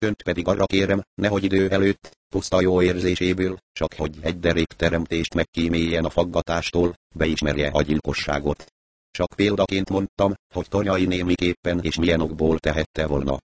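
A man reading an audiobook, voicing a cool-headed male investigator who questions suspects in a measured, probing way. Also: sits low, dry recording, close to an everyday voice. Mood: calm insistence. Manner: measured, probing, coolly ironic.

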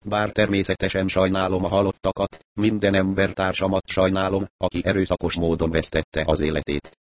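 A man's voice: low-pitched, little pitch movement, no room sound, lightly acted. A man reading the part of a brash, cynical male adventurer who talks in a dismissive, sarcastic way. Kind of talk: audiobook character reading.

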